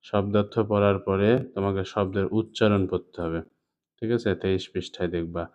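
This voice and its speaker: A man's voice: deep voice, steady tone, a little fast, a little mellow. A man with a Bangladeshi Bengali accent teaching a class of students through an exam suggestion lesson, explaining step by step and often checking if they follow. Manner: explains step by step, often asks "ঠিক আছে?". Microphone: writing while talking. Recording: slightly dull lo-fi sound.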